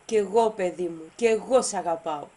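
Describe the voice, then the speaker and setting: A woman's voice: fairly low pitch, dark tone. A woman talking casually to her pet parrot, coaxing and affectionate, repeating short phrases over and over. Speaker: parrot owner.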